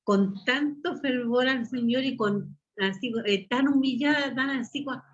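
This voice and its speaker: A woman's voice: high voice, measured pace. A woman with a Chilean Spanish accent giving a personal testimony at a church meeting, telling her story and calling her listeners brothers and sisters. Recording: muffled lo-fi recording.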